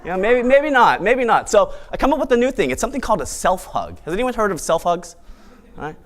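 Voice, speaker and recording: A man's voice: sits high, big pitch swings, fast. A man hosting a live event, giving an opening monologue in an upbeat, playful, conversational way. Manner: bright, upbeat event host. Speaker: event emcee and host.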